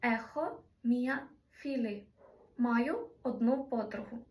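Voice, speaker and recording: A woman explains grammar patiently, pausing to spell out each example slowly and clearly. Her voice sits a little high, and the recording picks up the room with her set back from the mic. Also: reverberant, distant mic, slight background noise. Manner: slow, careful spelling-out of Greek examples. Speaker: Greek language teacher.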